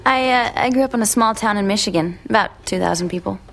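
A woman's voice: medium pitch, quick pace, vocal fry, a bit bright. An actress playing a friendly but evasive young woman in a radio drama, chatty with nervous little laughs.

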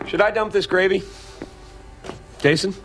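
A man's voice: high-pitched, a little slow, over music. A suspicious guy poking holes in a story, dry and pointed, radio drama. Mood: probing. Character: suspicious, probing older man.

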